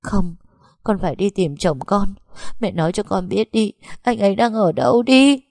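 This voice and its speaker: A woman voicing a frantic young wife in an audio story, pleading in a high, urgent voice. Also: moderate pace, creaky, a little mellow, dry recording, studio quality. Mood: desperate pleading.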